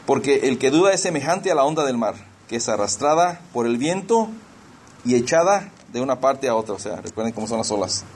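A man's voice: mid-range voice, animated, a little fast, a little hiss or hum. A middle-aged man preaching a sermon in a conversational way, slipping into English phrases and often restarting his sentences. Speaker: pastor.

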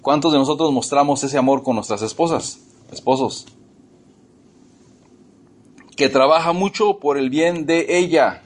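A man's voice: on the high side, normal speed. A man preaching a sermon to his congregation. He is emphatic, repeats words and asks his listeners questions. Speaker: pastor.

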